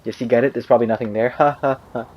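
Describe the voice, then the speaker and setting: A man's voice: mid-range voice, little pitch movement, rapid-fire, highs cut off. A man hosting a let's-play video, talking casually over the game in a rambling way, correcting himself and adding dry asides. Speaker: gaming video host. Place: indoor room near a window on a windy day.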